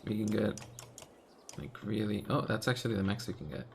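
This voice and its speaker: A man's voice: lowish voice, fairly even intonation, fairly quick, gravelly, a little mellow, a little hiss or hum. Joking man hosting a game playthrough. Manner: joking, laughs often. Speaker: let's play host. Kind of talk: casual gameplay chat, reading game text aloud.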